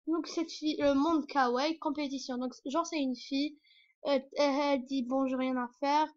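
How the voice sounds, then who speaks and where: A woman's voice: high-pitched, fairly even intonation, moderate pace. A young woman vlogging in a rambling, hesitant way, full of fillers and restarts. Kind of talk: casual rambling vlog. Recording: dull lo-fi recording.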